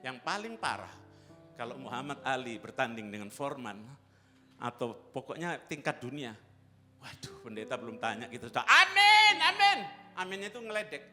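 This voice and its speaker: A man preaching a humorous sermon as a pastor, telling stories and bursting into loud shouted lines. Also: mid-range voice, a little fast. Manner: animated, jumps to loud shouted exclamations. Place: large church hall. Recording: long hall reverb, faint instrument music.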